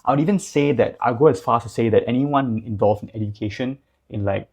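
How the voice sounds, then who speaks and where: A man's voice: medium pitch, fast talker, darkish tone, breathy edge. A young man from Singapore giving casual, loose business advice, full of fillers like "like" and "um". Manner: loose and conversational, many fillers like "like" and "um". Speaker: business coach. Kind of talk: casual talking-head advice.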